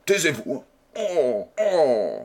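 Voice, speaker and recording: A man playing a stern, husky old baron. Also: mid-range voice, measured pace. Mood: furious. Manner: indignant, stiff and formal, then coldly businesslike. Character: stern proud old male baron, outraged.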